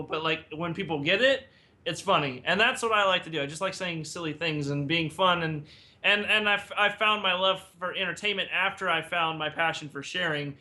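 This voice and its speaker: A man's voice: a little high, pushed and bright. A man who is a guest on a podcast, chatting in a goofy, rambling, self-amused way. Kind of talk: casual podcast chat.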